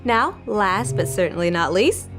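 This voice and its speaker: An actress playing an encouraging young team leader in a kids' show, upbeat and organizing. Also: female voice, medium pitch, animated, measured pace, music in the background, lightly acted. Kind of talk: scripted kids' show acting.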